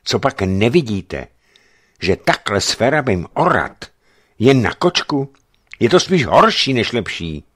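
A man's voice: medium pitch, sing-song, fairly bright tone, slightly rough. A man reading aloud and voicing a younger naval officer who speaks mildly but stands his ground bluntly. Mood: defiant. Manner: mild, then blunt and cold.

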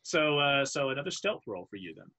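Husky-voiced man running a tabletop game. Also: mid-range voice, big pitch swings, pushed and bright. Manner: halting, many restarts, laughs easily. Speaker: dungeon master.

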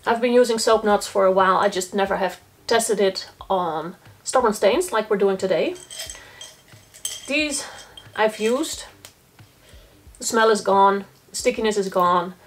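With a mid-range, unhurried voice and a slight hiss or hum on the recording, a young woman works through a laundry test on camera. The eco-living vlogger sits on the floor of a small indoor laundry corner, speaking casually and matter-of-factly while thinking aloud about each item.

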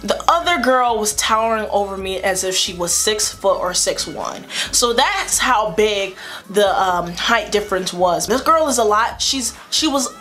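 A young woman vlogger telling a story from her childhood in a casual, animated and slangy way. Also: mid-range voice, a little slow.

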